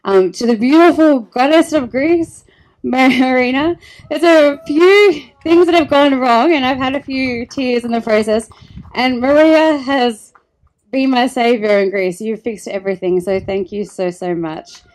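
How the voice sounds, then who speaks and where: A woman in her thirties giving a heartfelt, tearful wedding speech, halting and restarting as she speaks. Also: high voice, darkish tone. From Australia. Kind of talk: emotional wedding thank-you speech.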